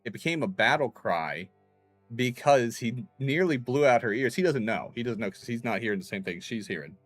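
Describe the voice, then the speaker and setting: A man's voice: medium pitch, lively intonation, normal speed, soft background music. A man livestreaming a game, telling stories in a chatty way and laughing often. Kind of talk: casual gameplay commentary.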